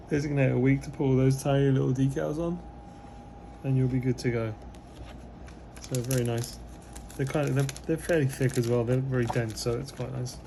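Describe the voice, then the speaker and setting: A slightly hoarse man, losing his voice a bit, casually narrates unboxing a model kit at normal speed with long pauses and lots of fillers in a relaxed, rambling way. His pitch is ordinary, and the poor audio carries a faint background hiss.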